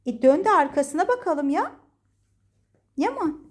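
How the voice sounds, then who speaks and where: A woman's voice: high-pitched, sing-song, a little slow. A woman at home filming her cats on a phone, giving casual running commentary, laughing often and playfully cooing at and scolding them.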